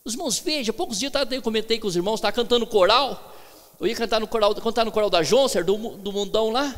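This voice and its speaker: Male Brazilian pastor, bright high voice, lively emphatic preaching, echoey church hall. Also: quick pace. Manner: preaching with emphatic swings between loud calls and hushed asides. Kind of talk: sermon. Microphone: handheld microphone.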